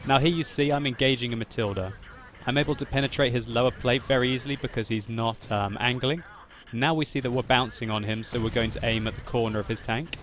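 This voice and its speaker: A man narrating his own tank battle gameplay as a voice-over commentary, laughing often and getting loud and excited at big moments. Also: medium pitch, fast, hardly any pauses, a little hiss or hum. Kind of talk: video game commentary voice-over.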